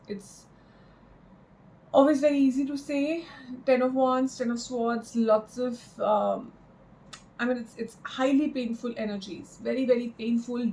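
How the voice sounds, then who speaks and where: A woman delivers a mystical tarot horoscope reading off the cuff. Her voice sits fairly high with plenty of creak. She speaks haltingly and reflectively, repeating phrases for weight, over faint background noise. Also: rough recording. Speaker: tarot card reader.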